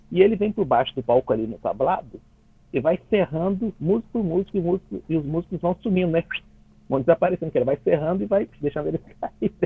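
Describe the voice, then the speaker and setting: A man with a Brazilian Portuguese accent, a conductor chatting on the radio, restarting phrases and tagging them with quick questions as he explains. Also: fairly high pitch, gravelly, husky, no echo. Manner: chatty, many restarts and tag questions, laughs while explaining. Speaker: conductor explaining classical music in cartoons. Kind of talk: casual radio chat. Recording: dry tinny phone line.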